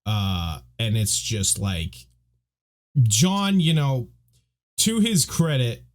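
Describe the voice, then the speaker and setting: A podcast co-host with a medium-pitched voice draws out his words as he talks casually and with animation. When quoting characters, he mimics them.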